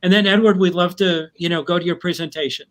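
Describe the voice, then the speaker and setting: A man's voice: sits high, fairly even intonation, quick pace. A man hosting an online talk, introducing guests in a friendly, hesitant way with many fillers. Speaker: host. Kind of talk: event introduction.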